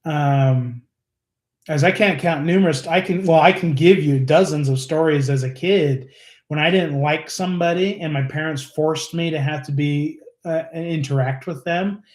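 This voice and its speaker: Speaking at a moderate pace on a casual live stream, a man with a fairly high voice is earnest and rambling, circling back with fillers and restarts. Roomy echo surrounds him as his voice bounces a little off the walls.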